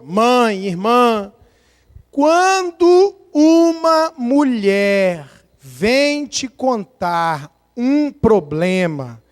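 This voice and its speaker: A Brazilian pastor preaches in an unusually high voice for a man, with a Brazilian Portuguese accent. He tells lively stories, acts out small scenes and counts aloud to drive home his point. His words ring out into a long church reverb. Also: smooth. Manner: animated storytelling, acting out scenes and counting aloud. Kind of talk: sermon. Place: church sanctuary.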